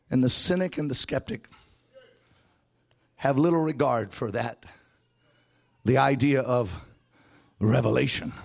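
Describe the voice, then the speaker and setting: A man preaching a fervent revival sermon in the manner of a Southern preacher, using repetitive rhythmic phrases and call-and-response, moving between conversational asides and shouted, half-sung proclamation. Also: mid-range voice, gravelly.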